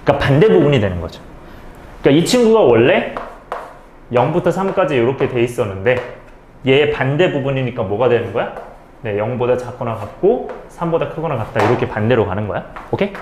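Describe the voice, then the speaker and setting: A man's voice: mid-range voice, lively intonation, brisk, reverberant, noisy background. A male math teacher giving a step-by-step lecture, asking questions and answering them himself, often checking in with students. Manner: keeps checking in with students, "okay?".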